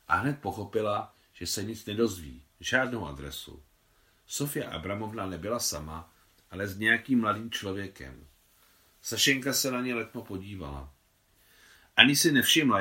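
Man reading a novel, bright tone. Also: fairly low pitch. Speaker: translator reading his translation. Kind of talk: audiobook narration.

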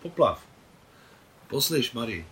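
A man's voice: mid-range voice, a little hiss or hum. A man reading as a bold young horsewoman. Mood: exuberant. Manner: exclaiming, lively. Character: young female trick rider, bold and spirited.

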